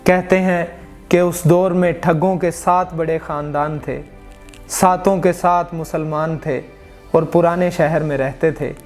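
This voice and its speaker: A man narrating a historical story in measured, formal literary Urdu. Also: a little high, fairly even intonation, soft background music. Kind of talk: scripted narration of a true crime history.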